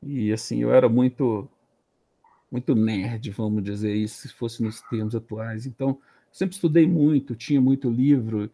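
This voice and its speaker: This is a man in his late forties with a Brazilian Portuguese accent and a mid-range, dark-toned voice at normal speed. Appearing as an interview guest, he casually recounts his career, hesitating and repeating words while he thinks.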